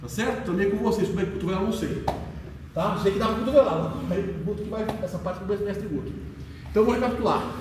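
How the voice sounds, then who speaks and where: A man's voice: high voice, fast. A man teaching a grappling technique, walking students through each step and checking in often with "right?". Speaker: jiu-jitsu instructor. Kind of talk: mat-side technique lesson. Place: large echoey training hall. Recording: echoey hall, distant, faint noise.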